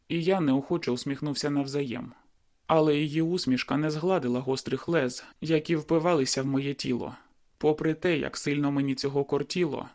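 A man's voice: on the high side, darkish tone. A man reading a first-person novel aloud in a brooding, inward manner. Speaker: audiobook narrator. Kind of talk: first-person audiobook narration.

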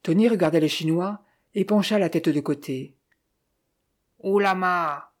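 A narrator reading a classic detective novel aloud in a measured, even manner. The voice is mellow and dark, with a slightly husky edge. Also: medium pitch. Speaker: audiobook narrator. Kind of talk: audiobook narration.

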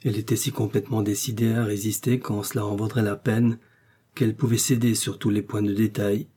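A man narrating a classic novel in a measured, even reading voice. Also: on the low side, slightly rough. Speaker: audiobook reader. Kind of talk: literary audiobook narration.

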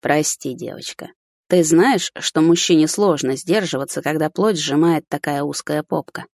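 A sly older man, voiced by a woman reading an audiobook, drawls his lines slowly, teasing and unhurried. The voice sits low and a little husky. It is recorded dry and close. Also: a little mellow, no room sound. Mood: mocking.

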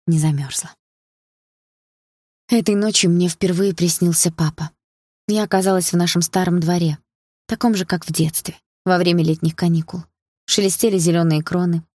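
Husky woman reading an audiobook. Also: lowish voice, darkish tone, no echo, clean studio sound. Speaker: audiobook narrator. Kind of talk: scripted narration.

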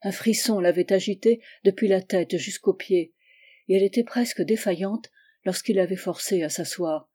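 A woman reads a novel aloud as audiobook narration. Her delivery is measured and even. Her voice has a mellow, warm, dark tone. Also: medium pitch, husky.

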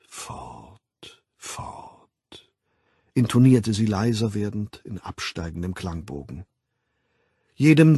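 A man reads a novel aloud in a measured, dramatic way, his voice very husky and breathy. He takes his time over each phrase. The recording is close and dry, with no room sound. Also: lowish voice, darkish tone, no echo. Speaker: audiobook narrator. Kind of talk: scripted audiobook narration.

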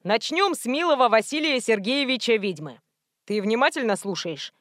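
A woman's voice: a little high, animated, normal speed, fairly bright tone, no echo, studio quality. A woman playing a clowning prankster guy. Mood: teasing. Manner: playful, clowning. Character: joking, teasing male friend, a prankster.

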